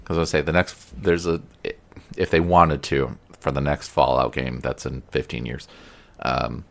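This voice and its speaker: A man's voice: rumbling low, level tone, unhurried, gravelly, a bit bright. A man co-hosting a podcast, chatting casually and joking, with lots of fillers. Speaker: podcast co-host. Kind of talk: casual chat.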